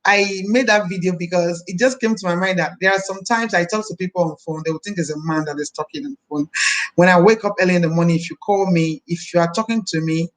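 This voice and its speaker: A fast-talking minister, a woman in her thirties, chats on a live stream in a low-quality recording. Her voice is deep this morning, and she's friendly, repeating phrases and offering blessings to viewers.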